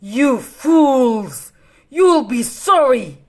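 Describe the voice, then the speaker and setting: A woman's voice: high voice, very animated, very slow, heavily acted. A woman voicing a greedy, imperious storybook villainess in a demanding, theatrical manner. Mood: furious.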